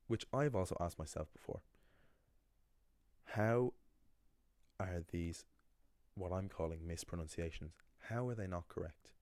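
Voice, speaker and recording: A young man with a very low, deep voice explains pronunciation bluntly. He starts sentences over often and sounds opinionated. The recording is dry and close, with no room sound. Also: warm tone, no room sound. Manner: blunt and opinionated, full of restarts. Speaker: language teacher. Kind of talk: casual explanatory monologue.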